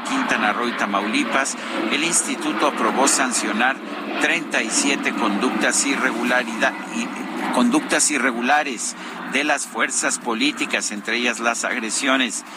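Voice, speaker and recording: Male radio host outdoors. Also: medium pitch. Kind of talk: morning news broadcast. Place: open-air terrace, improvised booth. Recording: outdoor broadcast with traffic noise. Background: street and vehicle noise.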